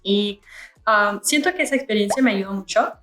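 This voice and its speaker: A woman's voice: medium pitch, brisk, fairly bright tone, roomy sound, soft background music. A young woman from Canada chatting casually while doing her makeup, musing aloud with many fillers. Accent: France-style French learned in Canada. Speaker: beauty vlogger. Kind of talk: casual get-ready-with-me chat.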